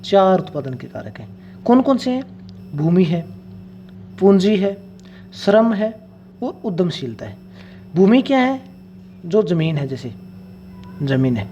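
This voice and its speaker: A woman's voice: medium pitch, warm tone, highs cut off, a little hiss or hum. A woman teacher giving an exam-prep classroom lecture, asking rhetorical questions, answering them herself and repeating the key phrases.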